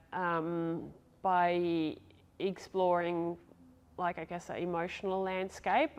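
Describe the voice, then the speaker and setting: A woman from Switzerland, an artist, talking casually and openly about her work. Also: on the low side. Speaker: visual artist. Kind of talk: interview monologue.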